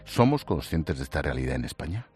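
A man's voice: extremely low pitch, big pitch swings, fairly quick, a little mellow, faint music behind. A male radio presenter with a Spain Spanish accent, reading news narration and asking earnest, pointed questions. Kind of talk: scripted news narration and interview.

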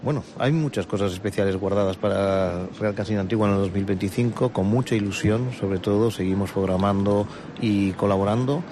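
A man's voice: on the low side, brisk, hardly any pauses. A man with an accent from Spain answering as a club spokesman in a live radio interview, in formal wording with some hesitations. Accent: Spanish, from Spain. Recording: noisy outdoor urban setting with traffic. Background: street and vehicle noise.

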